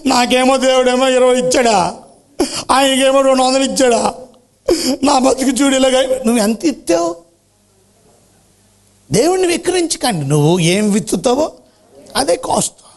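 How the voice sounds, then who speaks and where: A male pastor preaching a lively sermon in a church hall, often switching into short English phrases. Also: very high voice. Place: air-conditioned church hall.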